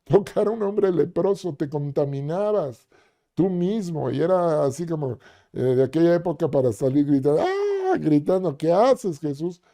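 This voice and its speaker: A man's voice: on the high side, moderate pace, dark tone. A man preaching a sermon in a conversational way, often checking in with the listener. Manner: conversational, with fillers and repeated questions to the listener.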